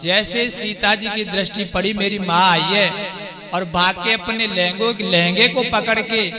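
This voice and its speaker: A man's voice: high-pitched, fairly even intonation, measured pace, a crowd in the background. A man telling a devotional story as a sermon, singing verses and talking emotionally to his listeners, calling them brother. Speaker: devotional preacher and singer. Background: devotional music.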